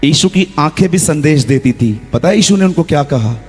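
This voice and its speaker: A man preaching a lively sermon in a church, acting out quotes and scenes as he goes. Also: fairly high pitch, brisk, breathy edge, soft background music. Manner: lively preaching with acted-out quotes and role-play. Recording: long hall reverb.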